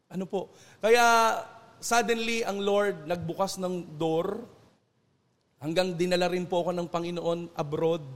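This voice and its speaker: A Filipino pastor speaks with earnest, preacher-like conviction, stretching words out when he wants them to land. His voice sits high for a man. A long reverb trails behind him, as if he were in a large hall. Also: steady tone. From Philippines. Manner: earnest, preacherly, slows down for emphasis. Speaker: pastor, interview guest.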